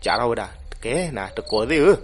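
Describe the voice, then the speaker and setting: A man narrating a folk legend, animated and switching voices for the characters. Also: fairly quick. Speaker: storyteller. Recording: noisy recording with crickets behind.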